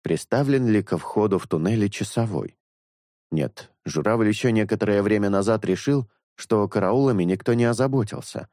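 Low-voiced male audiobook narrator. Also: normal speed, dark tone, dry recording, studio quality. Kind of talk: scripted literary narration.

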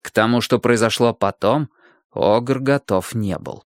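Expressive male audiobook narrator. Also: mid-range voice, a little slow, dry recording, studio quality. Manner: steady, expressive storytelling. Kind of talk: scripted narration.

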